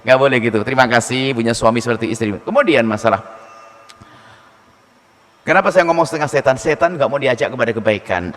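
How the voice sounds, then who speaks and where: A man preaching a sermon in a lively, teasing manner, acting out husbands and wives in his answer. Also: medium pitch, fast talker, long pauses, long reverb tail.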